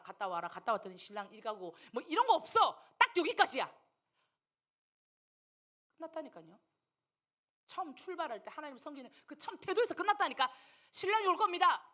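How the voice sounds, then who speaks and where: A woman missionary preaching a sermon to young people, animated and teasing, acting out the voices of people she quotes. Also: fairly high pitch.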